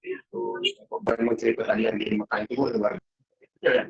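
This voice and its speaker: A man's voice: lowish voice, fairly even intonation, fairly quick, vocal fry, slightly rough. Man on a glitchy, dropping video call. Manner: rambling, with many fillers and repeated words. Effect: audio glitching and cutting in and out on a weak call signal. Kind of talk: casual talk in an online meeting. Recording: dull lo-fi call audio that keeps dropping.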